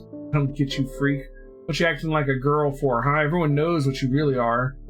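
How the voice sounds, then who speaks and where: A man's voice: a little high, fairly even intonation, a little fast, soft background music, lightly acted. A man reading aloud and voicing a cruel village bully boy, with sneering, jeering taunts.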